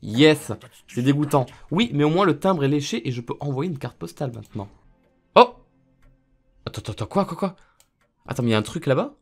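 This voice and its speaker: Male gamer, excitable, chatty, lively pitch, faint game music behind. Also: a little fast, pauses often, slightly rough. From France. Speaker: gaming video creator. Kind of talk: let's play commentary.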